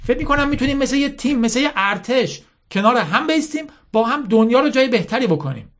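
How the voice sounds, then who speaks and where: A man's voice: extremely high pitch, animated, fairly bright tone, voice pushed up, full character voice. A man voicing an earnest, idealistic young girl who speaks in a hesitant, pleading way.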